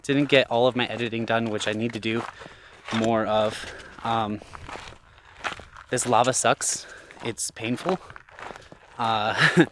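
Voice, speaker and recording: Man, trail vlogger, outdoors, rambling, chuckling, medium pitch, faint background hiss. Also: fairly even intonation, slow, pauses often. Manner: rambling, chuckles often, many fillers. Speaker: thru-hiker vlogger. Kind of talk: casual vlog narration while hiking.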